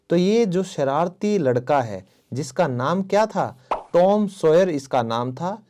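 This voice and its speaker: A young man with an Indian accent teaching an English reading lesson. He reads the English slowly, word by word, and then explains it in quick, friendly speech. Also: a little high, mellow.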